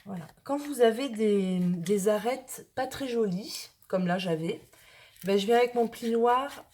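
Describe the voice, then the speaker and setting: A woman's voice: mid-range voice, unhurried, darkish tone. A woman from northern France, chatting casually to viewers as she shows a craft project step by step. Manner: chatty, talks to viewers while working with her hands. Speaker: craft tutorial host. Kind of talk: casual craft tutorial narration.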